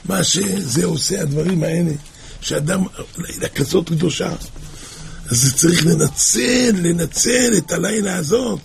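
High gravelly male preacher, dramatic storyteller, faint hiss. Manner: dramatic storyteller, shouts and drops to near whisper.

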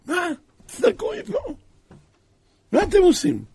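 A man voicing an impatient king who gives hurried orders, in a gravelly, raspy voice. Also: mid-range voice, a bit bright, heavily acted. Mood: indignant. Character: impatient commanding male king.

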